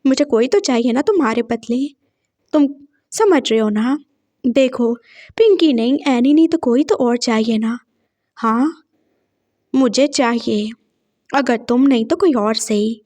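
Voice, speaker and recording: A woman's voice: fairly high pitch, unhurried, long pauses, a little mellow, lightly acted. A woman voicing a greedy, scheming mother who coaxes her son with veiled threats, in a story read aloud. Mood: sly menacing. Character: scheming middle-aged mother, greedy and menacing.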